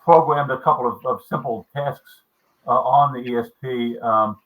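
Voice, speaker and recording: A maker club member, a man in his seventies, chats casually on a video meeting call, rambling with lots of restarts and fillers. His voice is medium-pitched and moderately paced, and the audio sounds narrow and tinny.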